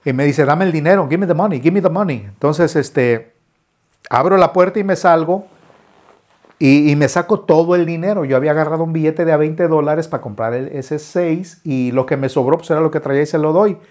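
A man tells a story from his own life in a slightly raised voice. He is a musician, and his telling is loose and halting. He breaks off often, restarts his sentences and fills gaps with little hesitations. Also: on the high side, a little mellow. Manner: halting, frequent restarts and filler words. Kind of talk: personal storytelling.

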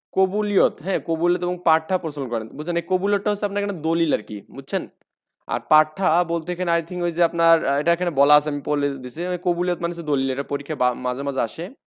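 A man with a Bangladeshi Bengali accent teaching an exam-prep lesson. He asks questions, answers them himself, repeats key facts and uses a lot of fillers. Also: a little high. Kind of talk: explaining lecture.

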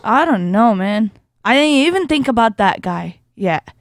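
A woman's voice: a little high, expressive, normal speed, dry recording, clean studio sound. A woman talking in a casual, conversational way as a co-host on a review show. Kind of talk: casual chat.

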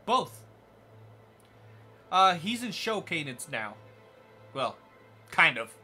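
A chatty man narrating his game as he plays, with a bright, forceful tone. His pitch jumps around a lot as he reacts. Faint game music plays underneath. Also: sing-song, slow pace. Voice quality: chatty, easily amused, thinks aloud. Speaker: gaming channel host. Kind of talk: casual let's play commentary.

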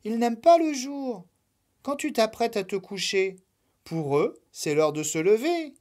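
A woman voicing a gentle, patient female spirit of the Night, soft and coaxing. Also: on the high side, animated, measured pace, pitched above the performer's own voice. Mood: explaining.

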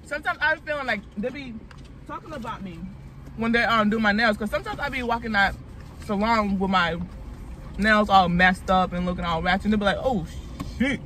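A man's voice: sits high, a little fast, bright, forceful tone, slight background noise. A man, chatting casually and joking during a mukbang. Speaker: mukbang co-host. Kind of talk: casual chat while eating.

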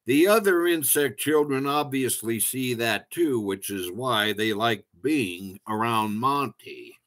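Wise old walking stick insect, calm and kindly, unhurried storybook voice, read by a man. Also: medium pitch. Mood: wise, reassuring.

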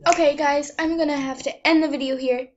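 A woman's voice: high voice, fairly even intonation, brisk, dull audio, slight background noise. A young woman vlogging at home in a rambling, casual way, giggling and poking fun at herself. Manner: giggly and self-mocking. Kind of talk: rambling casual vlog chat. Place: at home with a dog nearby.

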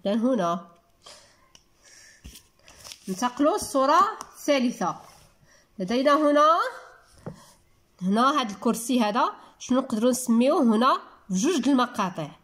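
A woman's voice: on the high side, lively intonation, a bit bright. A woman with a Moroccan accent teaching a reading lesson to young children, patiently stretching out words syllable by syllable. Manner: drawn-out, syllable-by-syllable word spelling. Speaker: primary school teacher.

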